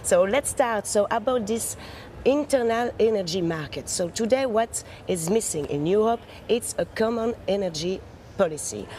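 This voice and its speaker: A woman conducts an interview in a soft-edged, mellow voice of medium pitch. Her questions come out a little hesitantly. There is faint outdoor traffic noise around her. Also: lively intonation, moderate pace.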